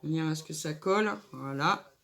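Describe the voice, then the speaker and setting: Making a table decoration in a casual crafting tutorial, a craft vlogger with a stuffy, nasal voice from a cold chats and thinks aloud. She speaks a little fast in a deep, fairly bright voice.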